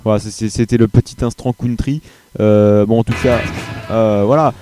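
A man's voice: fairly low pitch, fairly even intonation, normal speed, music in the background. A young man from France hosting a live web radio show in casual chat, hesitant and full of fillers and restarts.

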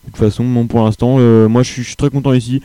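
A man's voice: medium pitch, level tone, fast talker, warm tone, slight background noise. A young man from the Paris area with a French accent, hosting a live web radio show in a loose, hesitant chat full of fillers and restarts. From Paris region, France.

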